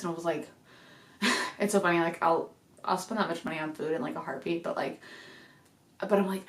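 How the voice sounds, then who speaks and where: Young woman, vlogger, rambling, chatty, slightly breathless, lowish voice, echoey room. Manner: rambling, chatty, many fillers. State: a little out of breath. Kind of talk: casual pregnancy update vlog. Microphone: desk microphone.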